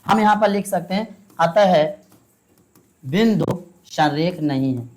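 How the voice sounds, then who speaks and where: A woman's voice: fairly low pitch, expressive, slow, darkish tone, a little hiss or hum. A woman teaching a maths lesson step by step. She speaks patiently, keeps quizzing her students and calls them "beta". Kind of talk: step-by-step classroom explanation.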